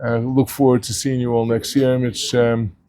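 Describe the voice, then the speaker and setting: A man's voice: mid-range voice, flat delivery, normal speed, warm tone. A man who heads a yeshiva giving a weekly Torah talk to his students, sprinkling in Hebrew and Yiddish terms, and his voice climbs sharply when he stresses a point.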